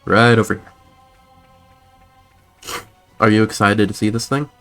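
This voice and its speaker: A man's voice: on the low side, flat delivery, unhurried, fairly bright tone, soft background music. A man streaming a video game and chatting casually, laid-back and joking. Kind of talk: casual let's-play commentary.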